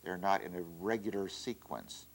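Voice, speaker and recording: A middle-aged man teaching art as he demonstrates, relaxed and halting, with many fillers and restarts. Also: deep voice, vocal fry. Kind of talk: instructional demonstration.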